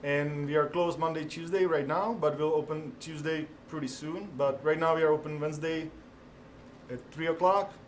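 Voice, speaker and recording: In a casual interview, a middle-aged Czech man who owns a restaurant speaks with a Czech accent in a fairly high, fairly even voice. His speech is halting and full of fillers, and he's quick to laugh. Slight background noise can be heard.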